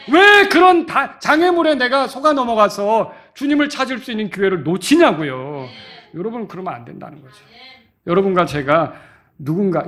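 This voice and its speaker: A middle-aged man preaching to his congregation. His voice sits high and swings widely, and he drops into the voices of the people he quotes. At the peaks of his sermon he lets out full shouts. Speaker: pastor.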